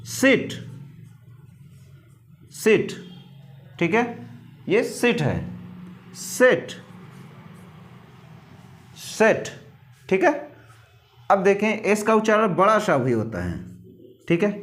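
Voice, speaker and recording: A man teaching English letter pronunciation, slowly repeating words and asking questions he answers himself. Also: high voice. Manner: slow, repetitive, asks questions and answers them.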